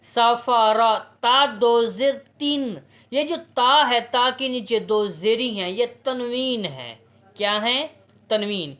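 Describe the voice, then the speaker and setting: A man whose voice is extremely high in pitch and fairly bright leads a reading lesson. Patiently and slowly, he spells out letters and vowel marks, frequently answering his own questions.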